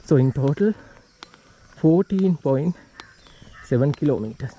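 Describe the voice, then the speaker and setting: A man's voice: on the high side, expressive, a little slow, warm tone, highs cut off. A Sri Lankan man narrating his hike on a tea estate trail to an action camera, a bit out of breath as he walks uphill. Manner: walking uphill while talking, slightly winded. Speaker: hiking vlogger.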